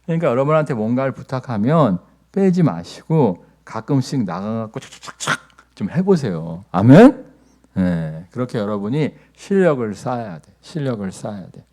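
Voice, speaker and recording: A middle-aged male pastor delivers a chatty, animated sermon in a church. He keeps asking the congregation to answer back and builds to loud, repeated emphasis. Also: medium pitch, normal speed. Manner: asks the congregation for responses. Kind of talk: lively conversational sermon. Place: church sanctuary.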